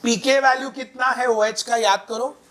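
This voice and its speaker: A man's voice: very high voice, steady tone, moderate pace, crowd noise. A man teaching chemistry in a classroom lecture, quizzing students with repeated questions and mixing in playful breakup jokes.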